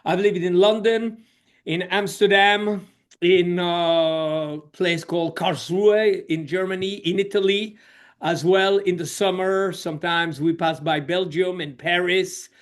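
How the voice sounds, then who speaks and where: On a podcast interview, this Swiss guest, a middle-aged social coach, recounts his story in a reflective manner peppered with "you know." He has a high voice, a steady tone, and an unhurried pace.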